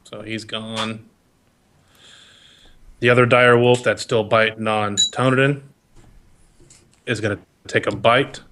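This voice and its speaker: A man running a tabletop game as game master, improvising narration in a halting, conversational way. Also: fairly low pitch, fairly even intonation, sharp tone, a little hiss or hum.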